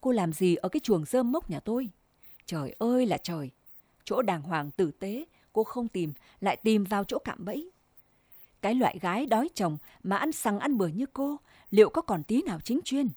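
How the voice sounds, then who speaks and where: A furious village wife spits scorn and insults at her rival, as a woman reads her lines. The voice is warm and mellow, recorded close and dry with no room sound. Her scolding stays biting and relentless. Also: medium pitch, expressive, moderate pace, breathy edge, no room sound. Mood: scornful. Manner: sharp, scornful berating.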